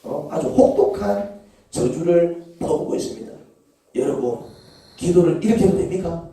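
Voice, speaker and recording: A man preaches a sermon in a church sanctuary, firing rhetorical questions at his congregation. His voice is fairly high and very animated, with a dark, mellow tone. The sound is drenched in church echo and picked up from far away. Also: normal speed, gravelly. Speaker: pastor. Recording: echoey church hall, from far off.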